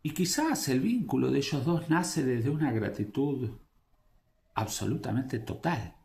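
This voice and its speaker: Slow, gravelly-voiced man preaching. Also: medium pitch, lively intonation, darkish tone. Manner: unhurried, reflective, pausing with fillers. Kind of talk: devotional talk with scripture reading.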